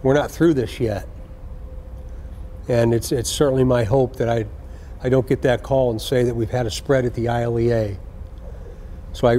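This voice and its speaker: A man, a senior police official, gives an earnest, deliberate address to recruits, repeating key phrases for emphasis. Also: medium pitch, dark tone, a little hiss or hum.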